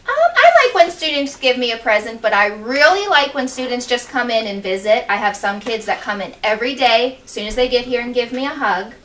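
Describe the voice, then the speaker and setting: A woman with a bright, forward voice at a middle pitch answers questions in a school-style interview. She speaks encouragingly in simple words and often repeats the question first. The mic is a little distant, with faint noise behind her. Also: lively intonation, a little fast, few pauses. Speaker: school staff member being interviewed.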